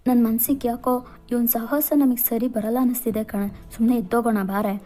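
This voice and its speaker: A woman's voice: fairly high pitch, fairly even intonation, moderate pace, warm tone, faint music behind, natural voice. A woman voicing a suspicious young woman who protects her best friend in an audio story. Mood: wary. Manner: suspicious, blunt.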